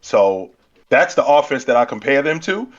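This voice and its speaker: A man co-hosting a sports podcast in casual chat, animated and repeating himself as he builds his points. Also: mid-range voice, moderate pace, dull audio. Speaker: podcast co-host.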